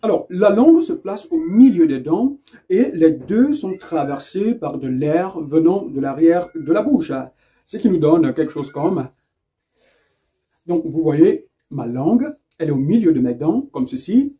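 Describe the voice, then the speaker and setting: A man gives a video pronunciation lesson, slowly stretching and repeating each example word and adding light jokes at his own expense. His voice sits a little high yet sounds very dark and mellow. The recording is dull and muffled. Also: very animated. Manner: slow, drawn-out model words, repeated for practice; self-mocking, lightly humorous asides. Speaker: English pronunciation teacher. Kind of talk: video lesson explaining in French with English examples.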